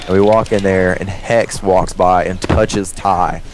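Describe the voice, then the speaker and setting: Against a noisy background, a young man speaks at a measured pace in a low voice, casually telling a story over gameplay. He rambles and swears, performing the dialogue in an animated retelling.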